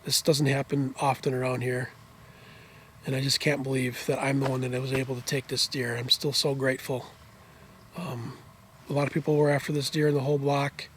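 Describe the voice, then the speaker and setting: A man recording himself outdoors after a hunt, talking in an excited, rambling way to his viewers. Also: medium pitch, brisk, a little hiss or hum. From Western New York. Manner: breathless, thrilled, rambling. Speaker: hunter filming his hunt. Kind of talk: excited outdoor vlog talk. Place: outdoors in woods and fields.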